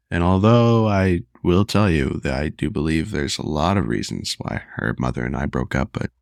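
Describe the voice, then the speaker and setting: A man hosts his podcast alone, speaking earnestly and openly about his own life. His voice sits low and gravelly, strained from sickness as he loses it. The sound is close and dry, with no room around it. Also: no echo. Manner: earnest, confessional. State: losing his voice, unwell. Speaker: podcast host. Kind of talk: solo podcast monologue.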